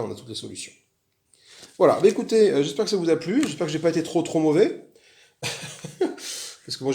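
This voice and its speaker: A man's voice: medium pitch, gravelly, darkish tone. A man chatting casually as he walks through a solo board game, rambling with frequent restarts. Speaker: board game video host.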